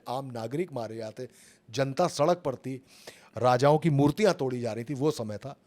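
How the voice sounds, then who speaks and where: A man's voice: medium pitch, a little mellow. A middle-aged man, a journalist and author, telling his stories with dramatic emphasis in an interview. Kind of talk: storytelling interview talk.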